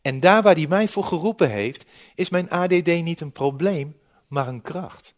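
A man preaching a sermon with slides, lively and humorous, often dropping from loud to quiet. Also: on the high side, moderate pace. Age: 40s.

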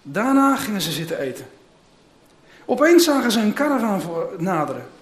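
Preacher, male, high voice, reads scripture with dramatic flair, echoey room. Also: big pitch swings, normal speed. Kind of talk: reading scripture aloud, then sermon.

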